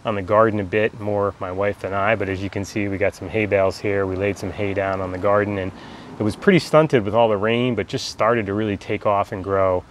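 An American man in his forties chatting casually outdoors in an easygoing, halting way, like a reviewer talking to camera. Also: fairly low pitch, steady tone. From United States. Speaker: pipe tobacco reviewer. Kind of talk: casual video chat. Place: outdoors in a backyard garden. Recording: outdoor ambient background noise.

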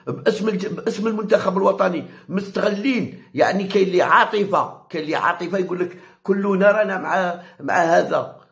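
A high-voiced man with an Algerian Arabic accent ranting straight to camera on his own channel. His delivery is heated and insistent, and he keeps circling back to the same phrases to drive each point home. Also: vocal fry, fairly bright tone. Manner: heated, repeats phrases for emphasis. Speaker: channel host. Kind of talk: impassioned direct-to-camera rant.

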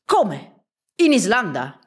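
A woman reading as an excitable eccentric professor. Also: medium pitch, takes it slowly, husky, pitched above the performer's own voice, exaggerated voice. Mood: eager. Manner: eager, exclamatory outbursts.

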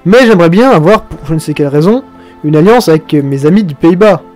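Chatty young man with a mellow voice. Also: a little high, lively intonation, fast, faint music behind. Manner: chatty, swears, mock-dramatic outbursts. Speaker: video game tutorial host. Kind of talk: casual screen-recorded game tutorial.

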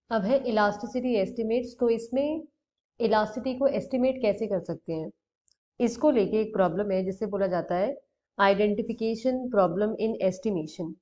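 Mellow-voiced woman explaining a lesson. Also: medium pitch. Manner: explanatory, mixes English terms into Hindi, pauses to check. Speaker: economics teacher. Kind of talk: explaining lecture over a diagram. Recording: dull lo-fi recording.

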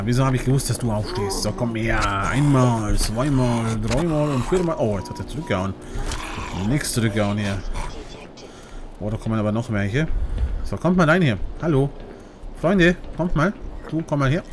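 A man narrating his own playthrough in a voice of ordinary pitch, chatting to viewers and breaking into yelps and shouts whenever the game startles him. The home mic recording carries a clear hiss of noise underneath. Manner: excitable, shouts and squeals when startled, chatty asides to viewers. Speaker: let's play commentator. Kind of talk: gaming commentary.

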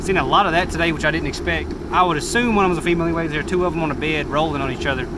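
A young man talking casually to camera while bass fishing on a lake, with loud wind in the background. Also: very fast. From Alabama. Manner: excited, talks to camera while fighting fish. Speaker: fishing vlogger. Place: on a bass boat on a lake outdoors. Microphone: action camera on the boat. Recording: wind-blown outdoor camera mic. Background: loud wind and boat noise.

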